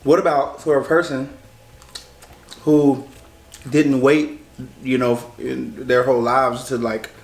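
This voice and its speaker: A man's voice: medium pitch, level tone, slow, gravelly, long pauses. A man with an American accent chatting casually, thinking aloud and often checking that he is understood. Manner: hesitant, thinking aloud, hedging with frequent checks. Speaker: co-host of a mukbang chat show. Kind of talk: casual relationship chat. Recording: roomy echo, faint background noise.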